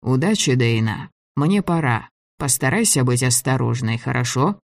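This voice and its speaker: A relaxed, fatherly older man who speaks slowly and teases kindly, read by a man near his own voice. He sits at a middle pitch. The recording is close and dry. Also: vocal fry, no room sound. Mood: calm.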